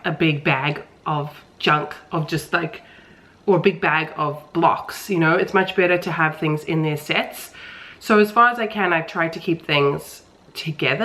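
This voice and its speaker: Low-pitched woman with a congested, pinched-nose sound. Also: a bit bright. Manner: rambling, self-deprecating, informal. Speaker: vlogger, mother of young children. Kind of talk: casual chatty home vlog.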